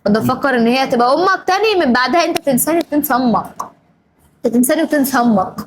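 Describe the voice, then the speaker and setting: A woman's voice: high-pitched, lively intonation, rapid-fire, slight background noise, low-quality recording. A young Egyptian woman with an Egyptian accent, acting in a family drama, scolding over and over and growing emotional. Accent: Egyptian Arabic. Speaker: regular of the show.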